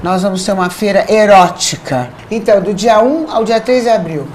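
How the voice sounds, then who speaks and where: A woman hosting a TV talk show, chatting warmly and teasing her guest with effusive praise. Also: medium pitch, animated, moderate pace, slight background noise. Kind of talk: casual TV chat.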